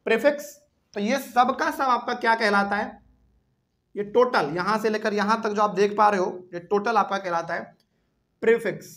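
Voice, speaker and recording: A man with a fairly bright, high-pitched voice teaches chemistry at a whiteboard. He speaks Hindi with a Bihari accent and explains step by step, putting questions to the class as he goes.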